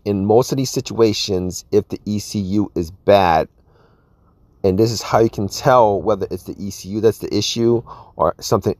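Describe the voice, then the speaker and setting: A man's voice: fairly low pitch, a little mellow, no room sound. A man casually explaining a car repair, rambling and often saying "all right" and "you guys". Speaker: car repair video host. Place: outdoors at an open car engine bay.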